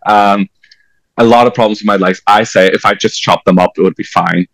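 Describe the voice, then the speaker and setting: A man from Portugal with a Portuguese accent, guesting on a podcast and chatting casually, animated and quick to jump into high exclamations. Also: vocal fry, no echo, poor audio. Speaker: podcast guest, drag performer. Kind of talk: casual chat.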